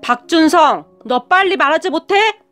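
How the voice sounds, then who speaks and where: A woman's voice: high voice, expressive, normal speed, fairly bright tone. A woman voicing a stern older father-in-law who scolds in a commanding way. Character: stern older father-in-law, gentle but fearsome when angry.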